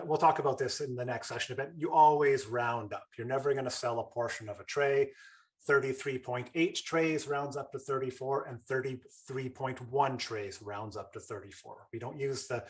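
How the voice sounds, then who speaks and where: A man presenting an online lesson in a casual, chatty way, full of fillers and restarts. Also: medium pitch. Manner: chatty, with fillers and repeated starts. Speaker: webinar presenter.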